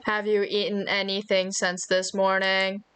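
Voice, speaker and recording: A woman voicing a hesitant, caring young woman in a visual novel, in a flat, slow, robotic delivery. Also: medium pitch, clean tone, voice pushed down, close to an everyday voice.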